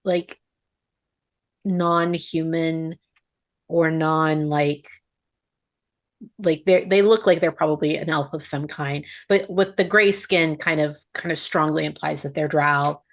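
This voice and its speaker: A woman game master describes a scene for a tabletop game. She pauses often and fills the gaps with small words. Her voice sits low. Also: steady tone. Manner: descriptive, halting with fillers.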